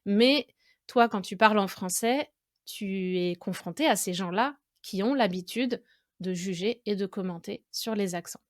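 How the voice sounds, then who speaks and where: A woman's voice: medium pitch, dry recording. French woman, dry close voice. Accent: French from France. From France. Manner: thoughtful, musing, pauses often with "heu". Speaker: podcast host and language teacher. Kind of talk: conversational podcast lesson.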